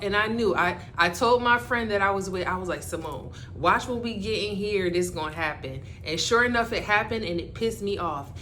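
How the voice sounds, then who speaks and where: A woman from Barbados with a Bajan accent that switches with American, telling a story in casual, candid, animated chat with salty language. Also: mid-range voice, a little hiss or hum. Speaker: storyteller vlogger.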